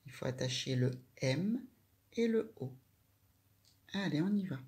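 A woman's voice: deep voice, expressive, unhurried, darkish tone. A woman teaching a child handwriting, giving patient step-by-step instructions.

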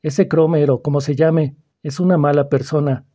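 A man reading the part of a calm, persuasive schoolboy who probes another boy's fears, in an audiobook. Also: a little high, normal speed, lightly acted. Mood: calm, probing. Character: calm, probing, mysterious older schoolboy.

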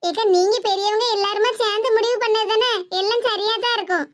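A woman's voice: very high-pitched, fairly even intonation, quick pace. A woman voicing a shy cartoon bride-to-be. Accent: Tirunelveli Tamil. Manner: soft, bashful.

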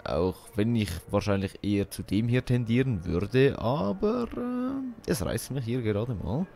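A man's voice: mid-range voice, big pitch swings, unhurried, creaky, mellow. A man hosting a let's play, thinking aloud in colloquial, casual game commentary.

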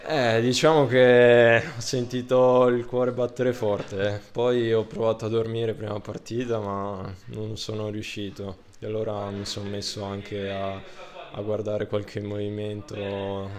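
A footballer in his 20s gives hesitant post-match answers in a low monotone, a little slow and full of fillers and restarts. An interviewer holds up a handheld mic in an indoor room with a ribbed ceiling.

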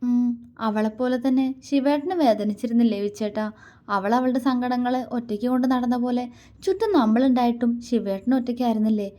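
A woman's voice: fairly high pitch, brisk, warm tone, natural voice. A woman voicing an emotional young wife who pleads and questions her husband earnestly in a romance story. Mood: sad.

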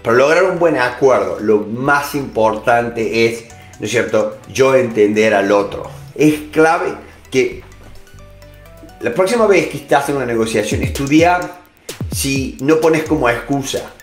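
A man's voice: mid-range voice, expressive, measured pace, soft background music. Man with a Rioplatense accent, echoey room. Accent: Rioplatense Spanish. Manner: direct second-person address, frequent "este" fillers. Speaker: negotiation instructor. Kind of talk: motivational lecture.

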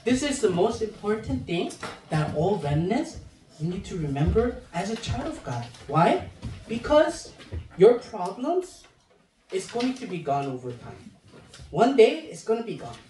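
Animated young pastor in an echoing classroom. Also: male voice, sits high, a little slow, a little hiss or hum. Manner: animated, acts out children's moods with playful quoted voices. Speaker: assistant pastor. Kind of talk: sermon to young people. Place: classroom in front of a chalkboard. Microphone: handheld microphone. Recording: roomy echo, mic heard from a distance.

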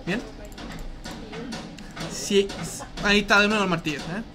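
A man's voice: high-pitched, fairly even intonation, measured pace, background noise. A male programming teacher with a Chilean Spanish accent, explaining casually in a live class and asking "¿ya?" after each point. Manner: slangy, chatty, asks "¿ya?" often.

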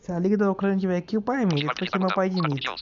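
Higher-pitched Brazilian man, chatty tutorial. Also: racing, slight background noise. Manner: chatty, informal, talking to viewers as pals. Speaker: tutorial host. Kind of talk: casual phone screen-recording tutorial. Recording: dull lo-fi phone screen-recording audio.

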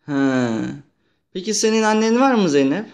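A young man gently and patiently questioning his little daughter in a casual, playful chat. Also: sits high, very animated, moderate pace.

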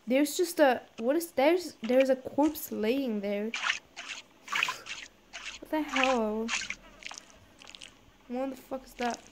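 A jumpy, foul-mouthed woman narrates her horror game run out loud, laughing and cursing at every scare. Her voice sits a little high, and the recording carries a steady hiss of noise behind her. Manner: swears a lot, talks to her chat, jumpy and quick to laugh. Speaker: gamer streaming a horror game. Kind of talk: casual gameplay commentary.

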